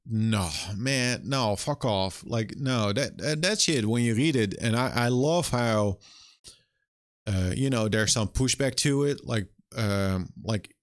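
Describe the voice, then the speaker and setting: A man's voice: mid-range voice, a little slow. A young man streaming live and ranting in a casual, exasperated way, swearing often. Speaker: streamer and game developer. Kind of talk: casual livestream rant.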